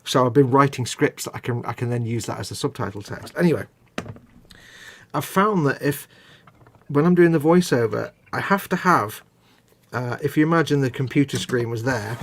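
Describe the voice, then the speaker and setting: A British man with a medium-pitched voice hosts a live model-building stream, chatting casually and self-deprecatingly. He often restarts his sentences, and there is slight background noise.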